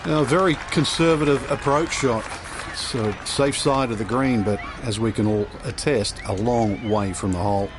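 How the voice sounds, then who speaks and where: A man offers golf commentary as the analyst in the booth. His mid-range voice is measured and reflective. A crowd and noisy outdoor ambience are audible behind him. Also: mid-range voice.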